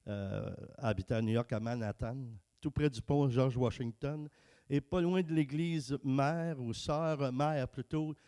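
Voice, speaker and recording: A man preaching a casual, joking sermon and reading scripture slowly. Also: medium pitch, mellow, clear, resonant tone. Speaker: preacher and worship singer. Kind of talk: casual sermon with sung worship.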